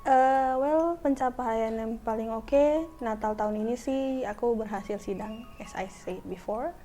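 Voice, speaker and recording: A woman's voice: fairly high pitch, a little slow, warm tone, faint music behind. A twenty-three-year-old woman, a fresh graduate, chatting casually to camera and slipping in English phrases. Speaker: new education graduate.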